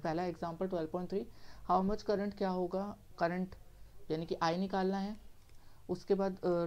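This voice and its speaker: A male teacher lectures in a mellow, warm voice. He works through each step methodically, asks questions and answers them himself, and keeps checking that the class is following. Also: high voice. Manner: repeats "theek hai" to check understanding. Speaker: science teacher.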